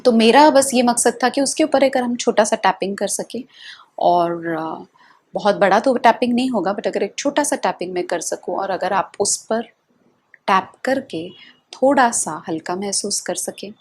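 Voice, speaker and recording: Calm Indian woman guiding a tapping session. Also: mid-range voice. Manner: calm, slow guiding with repeated affirmations. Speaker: EFT tapping practitioner.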